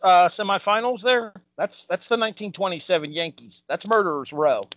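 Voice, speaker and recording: This thirty-something podcast co-host pushes his opinions emphatically during a casual panel debate on game shows. He speaks briskly in a high-pitched voice with a fairly bright tone, captured in a dull, dry lo-fi recording.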